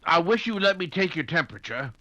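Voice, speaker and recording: A man's voice: fairly high pitch, very animated, fast, bright, forceful tone, no echo. A man playing an anxious, fussing doctor and loyal sidekick in an old-time radio detective drama, with a stammering, flustered delivery. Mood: concerned, fussing.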